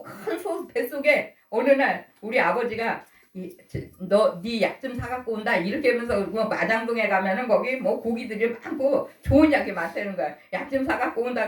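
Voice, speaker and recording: A woman in her sixties delivers a sermon full of homely family stories, often laughing as she talks. Her voice sits fairly high. It sounds roomy and distant, recorded in a church hall some way from the mic. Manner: folksy storytelling, laughing often. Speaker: preacher. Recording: echoey church hall from far off.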